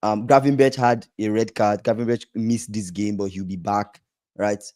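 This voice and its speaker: A man co-hosting a casual football podcast, emphatic and repetitive, a little hoarse. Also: lowish voice, fairly even intonation, normal speed, dark tone. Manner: emphatic, repeats himself, trails off. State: slightly hoarse from shouting. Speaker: podcast co-host.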